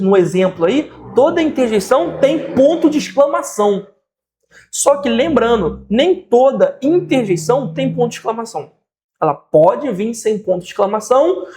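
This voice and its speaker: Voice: medium pitch, darkish tone. A teacher with a Brazilian Portuguese accent giving a grammar lesson, patiently repeating examples and often checking in with the listener.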